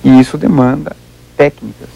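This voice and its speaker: Brazilian man, researcher guest, gravelly husky voice, methodical explainer. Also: mid-range voice, fairly even intonation, normal speed, dark tone, highs cut off. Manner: methodical, repeats words while thinking, works through examples. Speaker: livestock researcher, interview guest. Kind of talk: explanatory interview talk.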